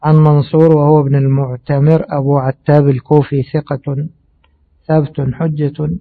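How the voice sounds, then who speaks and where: Male religious teacher, somewhat high, flat delivery, gravelly, lo-fi phone-like sound. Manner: measured, explanatory, pauses with fillers. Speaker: hadith teacher. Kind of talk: religious lesson. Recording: tinny phone-like audio.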